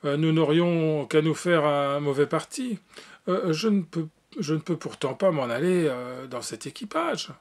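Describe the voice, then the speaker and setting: Brief: young man, lively and good-humored, exclaims often, stumbles on fillers, slightly high voice, read by a man. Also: unhurried. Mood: chatty.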